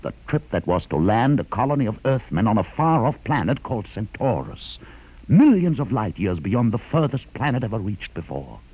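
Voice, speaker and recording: An actor playing a calm, condescending older man who holds a prisoner aboard a starship, speaking in a measured, commanding way in an old radio drama. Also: on the low side, husky, dry recording, narrow, tinny audio. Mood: explaining. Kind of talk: 1950s radio drama acting. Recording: vintage radio broadcast with hiss.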